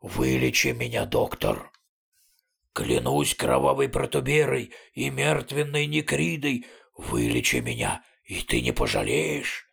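Deep, rasping two-headed alien brute, pleading, audiobook. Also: male voice, huge pitch swings, a little slow, a bit bright, exaggerated voice. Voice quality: hoarse, rasping. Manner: begging, swearing oaths.

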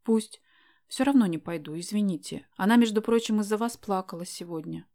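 A woman's voice: mid-range voice, fairly quick, mellow, lightly acted. A woman voicing a shy, conscientious young female student in an audiobook, polite and hesitant. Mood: firm.

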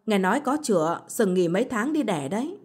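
A woman's voice: medium pitch, big pitch swings, a little fast, darkish tone, slightly rough. A woman voicing an older village woman who gossips insistently at the market, in a storybook reading. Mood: gossipy.

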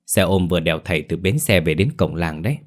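A man voicing a calm old village grandfather. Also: deep voice, fast talker, close to an everyday voice. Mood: reassuring. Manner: reassuring, hesitant with fillers.

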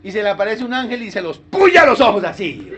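A man pastor preaching a sermon in a lively, humorous way, full of rhetorical questions. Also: high voice, brisk, breathy edge.

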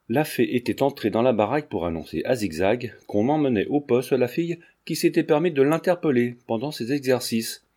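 Mellow male audiobook narrator. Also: mid-range voice, breathy edge. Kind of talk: scripted narration.

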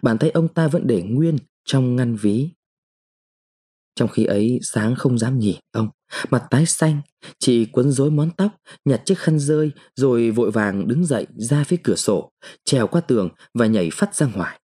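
A man reading a short story aloud in a slow, measured storytelling manner. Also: medium pitch, expressive, dark tone, slightly rough. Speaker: narrator. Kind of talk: scripted short-story narration.

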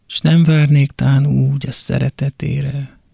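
A man giving a dramatic poetry recitation, moving between hushed whispers and intense, raised lines. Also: mid-range voice, little pitch movement, vocal fry, husky, dry recording, clean studio sound. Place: radio studio.

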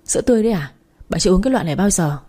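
A cranky old grandmother scolds and grumbles her way through each line, voiced by a woman reading a story aloud. The voice is mellow and warm with a slight husk, and she complains more than she talks. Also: fairly low pitch, animated, very fast. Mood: grumbling. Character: scolding old grandmother, grumpy and quick to blame.

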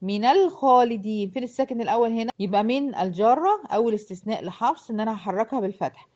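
A woman's voice: fairly high pitch, animated, rapid-fire, mellow, lo-fi sound. A woman with an Egyptian accent teaching a class, explaining step by step and often checking that her students follow. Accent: Egyptian Arabic. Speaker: Quran recitation teacher. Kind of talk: explanatory lesson to a class of girls.

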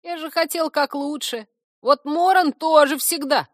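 Creaky, squeaky little male stump spirit, whiny and self-pitying, high and crisp close-up, voiced by a woman. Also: unhurried, no room sound. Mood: whining. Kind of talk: audiobook character voice.

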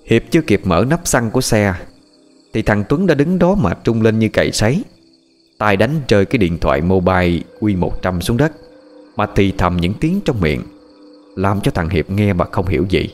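Man, low voice, lively, ghost story narration, faint music, crickets. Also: normal speed.

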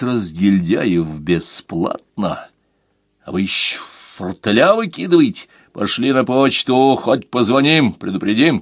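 A man's voice: medium pitch, dry recording, clean studio sound. A man doing a blunt, mocking tough guy. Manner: mocking, commanding. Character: tough, scornful older man, blunt mentor.

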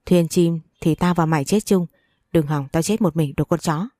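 A woman's voice: deep voice, normal speed, dark tone, dry recording, studio quality, lightly acted. A woman reading as a cursing, cruel old father. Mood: raging. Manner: harsh, cursing. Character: cruel, abusive older father on trial.

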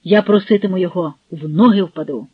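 A woman's voice: on the low side, fast. A woman doing a determined young village man. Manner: firm, defiant. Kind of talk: audiobook character voice. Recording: husky, phone-like, dry.

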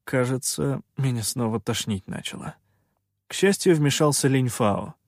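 A man reads a first-person fantasy audiobook in a measured, expressive way, his voice sitting at a middle pitch. The recording is close and completely dry, with no room around it. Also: no echo. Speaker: audiobook narrator.

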